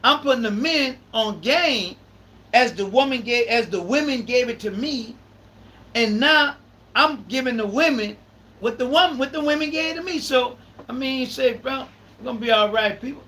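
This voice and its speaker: A man in his thirties hosts a live podcast in loose, conversational talk. His voice sits unusually high and bright, and he drives points home by repeating phrases. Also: normal speed, slight background noise, rough recording. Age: 30s. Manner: emphatic, repeats phrases for stress. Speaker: podcast host.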